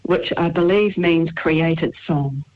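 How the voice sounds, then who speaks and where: A woman's voice: sits low, slow, a loud crowd. A woman from England calling in to a radio show, chatting with many fillers. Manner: chatty, warm about her town, hesitant fillers. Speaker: caller. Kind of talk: casual phone chat on radio. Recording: muffled phone line.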